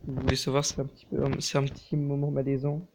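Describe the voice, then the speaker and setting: A young man giving casual, crude commentary while playing a mobile game, talking fast and nervously, swearing often. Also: medium pitch, monotone, creaky, background noise. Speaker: mobile gaming YouTuber.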